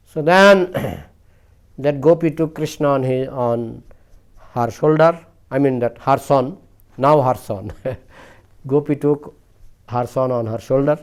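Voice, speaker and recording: A man's voice: mid-range voice, slow pace, pauses often. A man telling a devotional story, often repeating phrases and adding "you know". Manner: repetitive, with frequent "you know" and "I mean". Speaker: spiritual speaker.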